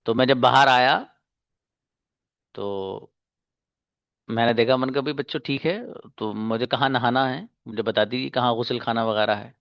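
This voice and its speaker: A man with an Indian accent teaching an online English class, telling stories and coaxing his students in a relaxed way. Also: medium pitch, moderate pace, creaky, pauses often, dry recording. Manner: relaxed storytelling, coaxing and encouraging, mixes English into Hindi. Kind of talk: casual Hindi class talk with English drills.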